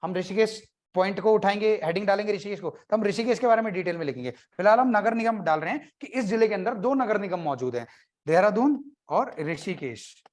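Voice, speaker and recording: A man's voice: high voice, lively intonation, brisk, darkish tone. A man teaching an exam-prep class, talking conversationally, quizzing his students and cracking jokes.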